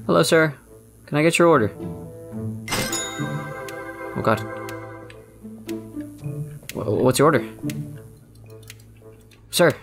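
A man's voice: fairly high pitch, expressive, slow pace, gravelly, pauses often, a bit bright, soft background music. A man giving frantic let's play commentary, talking to his viewers and repeating words under pressure. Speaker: gaming YouTuber.

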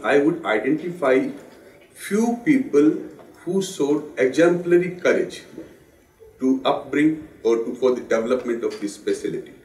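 Hoarse, husky male lecturer, low voice, earnest and measured, heard at a distance in a roomy hall. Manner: measured, earnest, with pauses and restarts. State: hoarse from a sore throat and flu. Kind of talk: formal memorial lecture. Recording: roomy hall sound, speaker off the mic.

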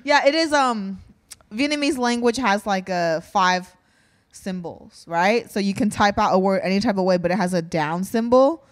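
A woman's voice: mid-range voice, normal speed. A woman guest on a casual podcast, giggly and self-deprecating. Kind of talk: casual chat.

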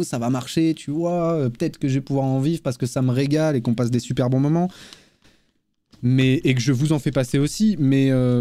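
A male streamer talks in an open, self-deprecating way, wandering from thought to thought. His voice sits somewhat high yet sounds mellow and relaxed. The sound is close and dry, with no room around it. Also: dry recording. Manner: candid, rambling, self-deprecating. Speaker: game streamer hosting an amateur tournament. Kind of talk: casual live-stream chat.

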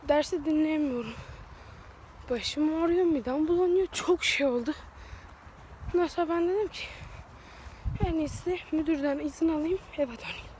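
A high-voiced young woman vlogs outdoors on a phone held at arm's length, her voice thick and stuffy from a cold. She rambles in a chatty, self-mocking way. Faint street sound sits behind her. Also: normal speed, pauses often, darkish tone, a little hiss or hum. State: congested and sore-throated from a cold. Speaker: vlogger. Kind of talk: casual walking vlog.

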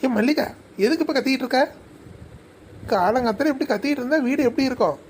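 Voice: high-pitched, a little hiss or hum, close to an everyday voice. A performer voicing a grumbling husband who chides his wife. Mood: chiding. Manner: brisk, chiding. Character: grumbling husband, middle-aged son.

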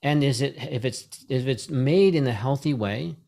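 A man's voice: medium pitch, moderate pace, gravelly, dark tone. A middle-aged man speaks into a desk microphone at home, chatting on a video call. His talk rambles, circling back with restarts and checking in with little "right?" tags as he builds a point. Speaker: host. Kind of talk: casual video call conversation. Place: home room with bookshelves. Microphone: desk microphone on boom arm.

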